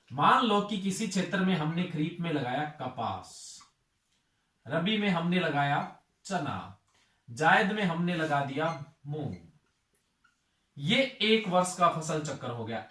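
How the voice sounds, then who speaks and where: A man's voice: on the high side, a bit bright, echoey room, recorded from a distance. A male agriculture tutor giving a lecture. He asks his students questions and then answers them himself.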